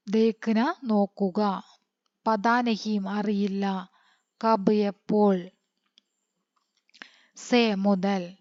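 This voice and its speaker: A woman from teaching an online lesson, reading text slowly and then quickly glossing words one by one. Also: mid-range voice, a little mellow, no echo. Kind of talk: online Hindi lesson explained in Malayalam. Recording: dull lo-fi sound.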